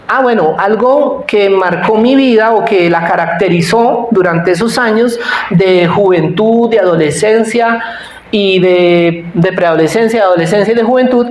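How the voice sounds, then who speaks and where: Man preaching in echoey church. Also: sits high. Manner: personal storytelling, often checks in with the congregation. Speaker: pastor. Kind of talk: conversational sermon. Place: church hall. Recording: echoey church hall, faint room noise.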